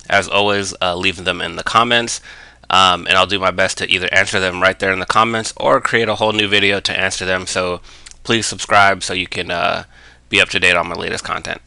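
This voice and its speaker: A man's voice: low voice, creaky, pushed and bright, no echo. A man narrating a drawn explainer lesson, talking steadily with many "um" fillers. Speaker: business analysis educator.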